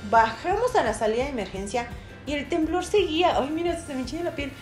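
Animated Mexican woman telling a story. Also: high voice, fast, echoey room, soft background music. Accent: Mexican Spanish. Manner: animated storyteller, acts out shouted quotes, many fillers. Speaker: podcast co-host. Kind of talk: casual chat, telling a dramatic personal story.

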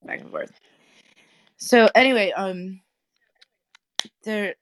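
A woman's voice: mid-range voice, slow, a bit bright, a little hiss or hum, poor audio. A woman therapist and radio host chatting in a live audio room, talking over her phone's speaker and rambling with many fillers. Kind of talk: casual live audio-room panel chat.

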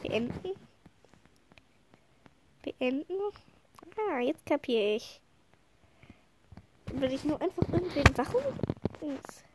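Excitable young-sounding woman gaming with a cold. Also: sits high, slow pace, long pauses, noisy background. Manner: chatty, excitable, giggly. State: has a slight cold. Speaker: gamer playing with friends. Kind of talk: casual gameplay chat.

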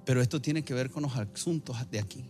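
A man's voice: medium pitch, fast, darkish tone, soft background music. A male pastor preaching a sermon, building emphatic phrases that surge and repeat.

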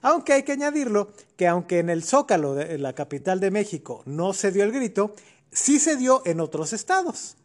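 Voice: mid-range voice, big pitch swings, moderate pace. A podcast co-host with a Mexican accent, explaining history in a casual chat with colloquial asides.

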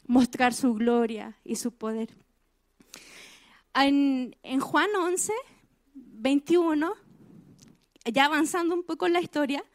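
A high-voiced woman delivers an emphatic sermon, asking her listeners direct questions and repeating key phrases to drive her points home. The recording is close and dry, with no echo.

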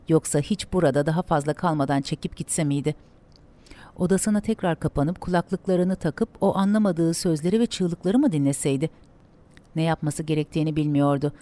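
A woman reading a dramatic story aloud in a steady, measured way. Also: sits low.

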